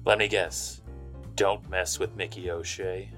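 Casting: wisecracking, world-weary gumshoe for noir audio drama, deep and unhurried. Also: male voice, little pitch movement, fairly bright tone, soft background music. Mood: sardonic. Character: brooding, wisecracking hardboiled private eye.

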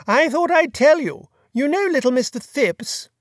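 A narrator voicing an elderly dowager duchess who gossips slowly and emphatically on the telephone, in an audiobook. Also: high voice, expressive, no room sound, studio quality, pitched above the performer's own voice. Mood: gossiping. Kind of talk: audiobook dialogue.

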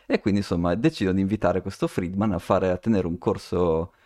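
A man's voice: deep voice, fairly even intonation, fast talker, warm tone. A man co-hosting a podcast, telling a story in casual chat, rambling with many restarts and fillers. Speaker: podcast co-host.

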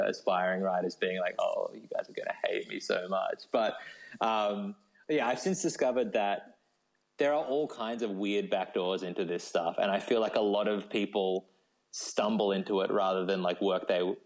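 This Australian novelist, a guest on an interview, has a low-pitched voice with fairly even intonation, a moderate pace and vocal fry. He rambles informally through chatty answers, dropping in plenty of filler words.

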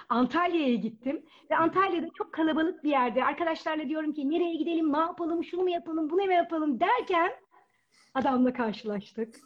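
A woman with a very high voice tells a personal story to a live audience, animated and acting out the people she quotes. The recording is dull and lo-fi. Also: a little fast.

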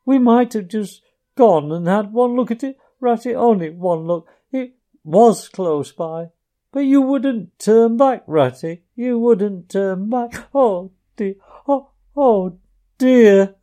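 A man's voice: high-pitched, slow, warm tone, pitched above the performer's own voice. A man voicing a tearful, timid little male mole who stammers and pleads through broken sobs. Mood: sobbing, grieving.

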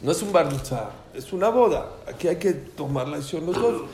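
A man teaching a religious class, telling anecdotes and acting out the dialogue with lively shifts of voice. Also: on the high side, a little fast. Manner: animated, acts out dialogue in stories. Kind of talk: storytelling lecture. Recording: echoey room with faint ambient noise.

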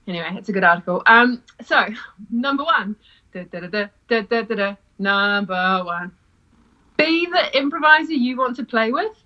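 Woman, improv teacher, bright edgy tone, dull lo-fi sound, chatty, laughs a lot. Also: medium pitch. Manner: chatty, laughs often, acts out quoted lines. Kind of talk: casual podcast chat.

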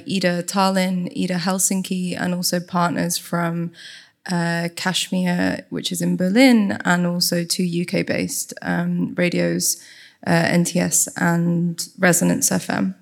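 A woman talks as a guest on a panel. Her voice sits a little low, and she speaks in an unscripted, explanatory style. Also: measured pace, creaky. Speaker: guest panelist, community radio co-founder. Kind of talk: panel talk, giving credits.

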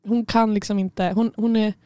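Mellow-voiced woman co-host asking questions. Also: mid-range voice, level tone, dry recording, studio quality. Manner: curious, hedging, talks in fillers like "alltså". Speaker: podcast co-host. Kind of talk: casual chat. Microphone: studio mic.

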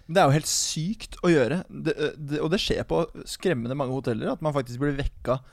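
Gravelly, animated man. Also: on the high side, no echo, studio quality. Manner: animated, laughs often, stumbles and restarts. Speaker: podcast co-host. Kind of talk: casual chat about fantasy football.

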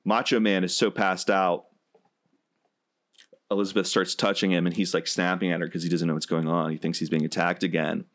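A man in a casual podcast chat tells a long story with animation and plenty of filler words. His voice is low. He talks freely in a loose, conversational way. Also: level tone, a little fast, fairly bright tone. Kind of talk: casual chat, retelling a match.

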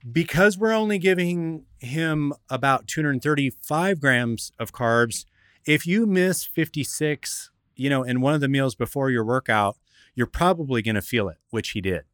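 A man's voice: mid-range voice, expressive, moderate pace, a bit bright, smooth, dry recording, clean studio sound. A man hosting a radio talk show, explaining in an instructive, methodical way like a coach.

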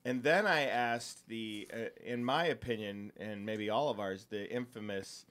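A man's voice: fairly low pitch, unhurried, a bit bright. A young man on a podcast, telling a rambling story in casual chat with many fillers and restarts. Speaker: podcast co-host.

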